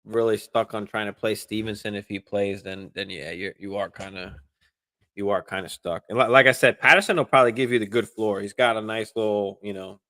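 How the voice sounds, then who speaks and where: A man hosting a live fantasy football stream, answering viewer questions in a relaxed, casual way, swearing freely and using lots of fillers and restarts. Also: lowish voice, fairly quick. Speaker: fantasy football show host.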